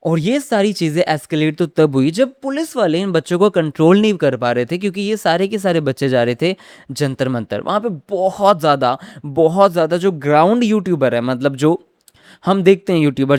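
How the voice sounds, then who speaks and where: A man's voice: fairly high pitch, darkish tone, clear, resonant tone, dry recording, studio quality. A young man in his twenties talking straight to his viewers about a protest, heated and earnest. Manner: heated, addresses viewers directly, calls them bhai. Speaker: vlogger. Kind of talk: impassioned commentary on a protest.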